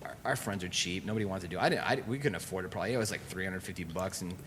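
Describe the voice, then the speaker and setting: A man rattles through a personal story at a quick clip. He tells it casually and acts out the dialogue as he goes. A faint hiss of room noise sits under his voice. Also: low-pitched. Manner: animated, acts out quoted dialogue. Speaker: brewery owner.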